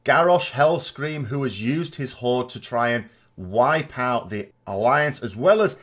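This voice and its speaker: A man narrating a video of game lore commentary, explaining things in a measured, emphatic way. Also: mid-range voice, expressive, fairly bright tone.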